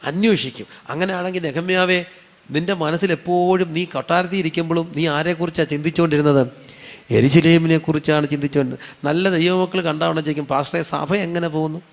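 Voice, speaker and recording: Man, preacher, Malayali accent, high voice, asks and answers his own questions, conversational with humorous asides. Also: fairly even intonation, fast talker, in a large hall. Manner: asks the audience questions and answers them himself. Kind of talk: sermon.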